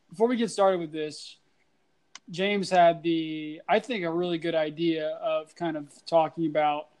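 A man hosting a casual sports chat podcast, his voice a bit hoarse, talking loosely with lots of fillers. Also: a little high. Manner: relaxed, filler-heavy. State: slightly hoarse. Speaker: podcast host.

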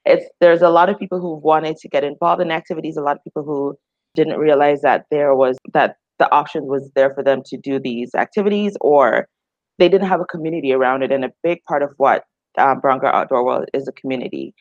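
An outdoor group founder from Jamaica gives casual, conversational answers as an interview guest, often using fillers. She speaks a little fast in a low voice with a steady tone, over remote audio that is dry, a bit dull and without room sound.

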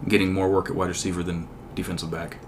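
A man co-hosting a casual sports podcast, talking in halting, hesitant phrases. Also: low-pitched, level tone, a little hiss or hum. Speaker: podcast co-host.

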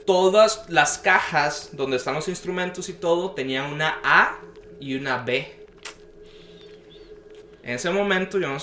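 Bright-voiced young man telling a story. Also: fairly high pitch, slight background noise. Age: young adult. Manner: animated, acts out the voices he quotes. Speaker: podcast guest telling a story. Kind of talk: casual storytelling chat. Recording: roomy echo.

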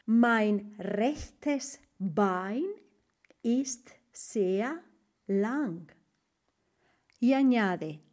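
A woman teaches German in a podcast lesson. She takes her time, says each German example slowly and deliberately, and explains with asides and self-corrections. Her voice sits a little high and her pace stays unhurried. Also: darkish tone.

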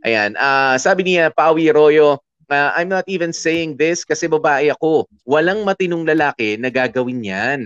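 A man's voice: fairly high pitch, expressive, normal speed, a bit bright, smooth, no echo, lo-fi sound. A man hosting an advice show, chatting casually and reading listener comments aloud, with lots of filler sounds and English mixed in, nursing a sore throat. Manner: chatty, filler-heavy, mixes English into Tagalog. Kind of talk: casual chat.

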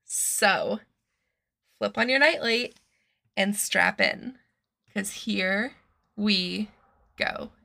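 Drawing out her words with vocal fry and long pauses, a young woman from Massachusetts hosts a casual true-crime podcast in a sharp, mid-range voice. She's chatty and swears freely, still sounding somewhat nasal and strained from being ill, with slight background noise in the recording.

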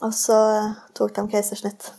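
A woman's voice: medium pitch, completely flat delivery, gravelly, warm tone, slightly rough. A woman as a guest on a talk show, telling a long story in casual chat, rambling with many fillers. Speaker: guest sharing her birth story.

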